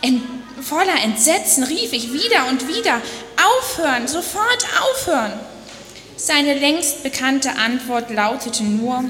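A woman's voice: sits high, lively intonation, a little slow, a bit bright, echoey room, long reverb tail. A woman voicing a delicate talking porcelain box that tells its story of being shaped, crying out for it all to stop. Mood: pleading. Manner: pleading cries of complaint. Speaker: speaker in a church dialogue sermon. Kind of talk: dramatic first-person storytelling.

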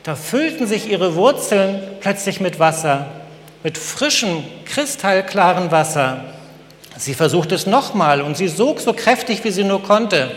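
A man reading a children's story aloud at a gentle, measured pace. His voice sits a touch higher than most men's. A long reverb lingers in the room around him. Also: animated. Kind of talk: scripted storybook narration.

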